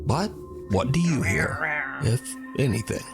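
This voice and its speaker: Male narrator for a spooky compilation, animated intonation, over a music bed. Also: mid-range voice, measured pace. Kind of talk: scripted narration. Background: music under the narration.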